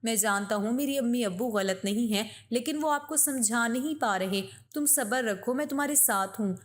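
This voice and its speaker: A woman voicing a gentle, loving young husband in a spoken story. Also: a little high, natural voice. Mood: tender. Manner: soft, affectionate.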